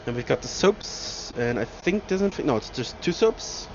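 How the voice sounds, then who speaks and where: Inside an airliner, a travel vlogger thinks aloud through a rambling, casual review of the flight, his medium-pitched voice swinging widely in pitch at a normal pace. Heavy cabin noise muffles the recording.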